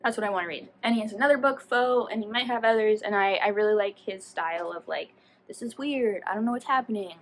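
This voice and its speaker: A woman book vlogger chats casually to her viewers, rambling, going off on tangents, and poking fun at herself. Her voice is medium-pitched and quick, with slight background noise.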